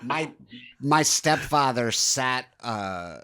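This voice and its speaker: A man chatting on a podcast in an unhurried, deadpan manner. His voice sits at an ordinary pitch for a man, and he speaks at a slow pace. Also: clear, resonant tone. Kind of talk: casual chat.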